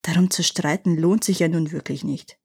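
A woman voicing a resolute young prince in a fairy tale reading, speaking calm and clear. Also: lowish voice, moderate pace, voice pushed down, full character voice.

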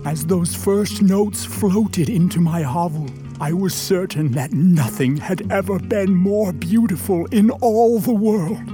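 Man as Frankenstein's creature, high-voiced and sorrowful. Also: over music. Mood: yearning, joyful. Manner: formal, literary, measured storytelling with drawn-out words. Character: Frankenstein's newly made creature, sensitive, articulate, wounded, yearning. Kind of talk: dramatic radio play narration.

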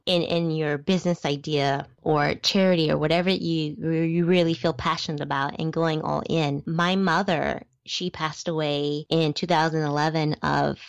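A woman with a deep yet youthful-sounding voice chats casually as a podcast guest, telling stories as a small business founder in an interview. She restarts words and laughs often, and there's no echo.

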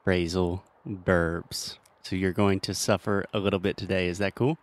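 A man's voice: deep voice, flat delivery, fast talker, no room sound. A man hosting an English-learning podcast, teasing his guest and explaining grammar patiently with examples. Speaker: podcast host and English teacher. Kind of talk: casual teaching chat.

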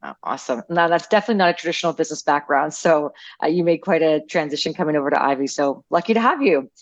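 A woman's voice: low voice, animated, quick pace, no echo, lo-fi sound. A woman from an admissions team hosting an upbeat podcast panel interview with students.

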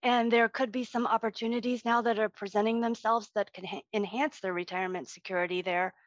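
A woman guest explains things as a financial expert in an interview. Her phrasing is halting and hesitant, her pitch average. The sound is dry and a bit dull. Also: steady tone, no echo. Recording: dry, slightly dull lo-fi audio.

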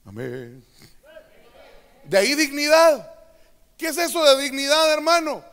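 A high-pitched male pastor preaches in a gravelly, forceful voice. His delivery swings from hushed teaching to loud, stretched-out declarations. The sound carries a long hall reverb. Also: a little slow. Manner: animated preaching, shifting from quiet to loud proclamation. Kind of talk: sermon.

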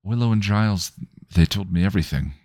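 A man voicing a young woman who is tearful and earnest, speaking softly and haltingly. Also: fairly low pitch, vocal fry, no room sound, studio quality, voice pushed up. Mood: confiding.

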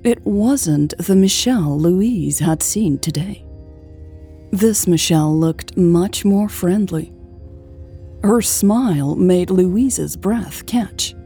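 A woman narrating an audiobook in a measured, steady reading at a close microphone. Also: on the low side, breathy edge, faint music behind.

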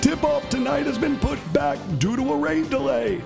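A man playing an excitable, bombastic basketball announcer in parody commentary, with constant gravelly vocal fry. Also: very high-pitched, heavily acted. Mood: bombastic showman. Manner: bombastic, drawn-out catchphrase delivery. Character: excitable male TV basketball announcer, exaggerated celebrity sportscaster impression. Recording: music behind the voice.

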